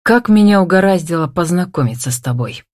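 A woman's voice: lowish voice, lively intonation, a little fast, no echo, studio quality, close to an everyday voice. A woman playing a bossy, furious older brother. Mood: irate. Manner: shouting, bossy.

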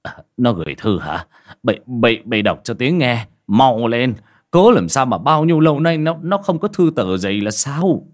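Stammering old village father, as a narrator puts him on, fussy, lively pitch. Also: moderate pace, lightly acted. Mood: impatient. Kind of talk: audiobook character voice.

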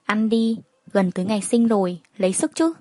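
A woman voicing a gentle, coaxing mother. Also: mid-range voice, a little fast, no room sound, lightly acted. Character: caring middle-aged mother.

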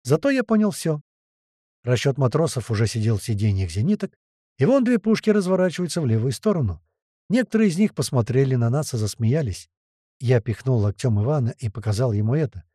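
A man narrating an audiobook in the first person, with lively, slangy storytelling. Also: medium pitch, a little fast, no room sound, clean studio sound.

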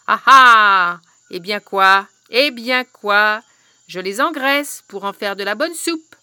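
A woman reading a storybook aloud, voicing a cruel, greedy old witch who snarls, shouts and barks orders. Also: medium pitch, lively intonation, normal speed, no echo, studio quality. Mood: gloating.

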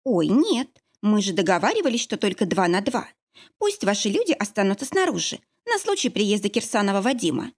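A woman reading an audiobook, voicing a heroine who fakes a squeaky, sugary young woman's voice and chatters sweetly. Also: sing-song, brisk, breathy edge. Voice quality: squeaky, syrupy. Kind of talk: audiobook character voice.

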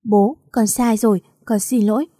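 A woman's voice: medium pitch, fairly even intonation, moderate pace, dark tone, slightly rough, dry recording, studio quality, natural voice. A woman reading the part of a remorseful young daughter, sobbing and pleading with her father.

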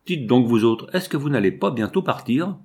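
A man reading a storybook and voicing a cocky teenage boy with a raspy voice, breezy and mock-ceremonious. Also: medium pitch, lively intonation, normal speed, a little mellow. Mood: cheeky.

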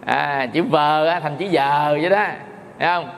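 Chatty monk, echoing hall. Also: male voice, on the high side, moderate pace, vocal fry. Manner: chatty, repeats words, asks listeners "right?". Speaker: Buddhist monk teacher. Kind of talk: casual dharma talk.

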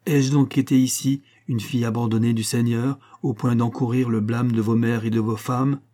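A man's voice: medium pitch, moderate pace, warm tone, voice pushed up, close to an everyday voice. A man reading an audiobook who voices a proud young queen, speaking firmly and demanding justice. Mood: indignant. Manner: firm, indignant, demanding.

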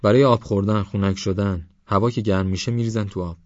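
A man's voice: fairly low pitch, dry recording, natural voice. A man voicing a reckless, playful young villager who brags about catching snakes, in a dull, dry recording. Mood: boastful. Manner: playful, boastful, excitable.

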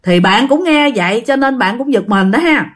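A woman with a Southern Vietnamese accent tells a ghost story in a relaxed, conversational way, often turning to speak directly to her listeners. Her voice sits a little high and swoops up and down with lively, animated pitch as she narrates. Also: normal speed. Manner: chatty, addresses listeners directly.

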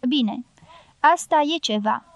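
A woman reading an audiobook voices a bossy, forceful middle-aged matriarch who gives curt, scolding retorts. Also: on the high side, animated, no room sound, muffled recording. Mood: knowing.

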